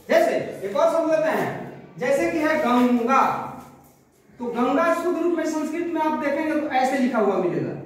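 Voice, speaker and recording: A woman teaching a grammar class, explaining slowly, repeating key words and asking the class questions, recorded from a distance in a classroom. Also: high voice. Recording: very echoey room, voice far from the mic.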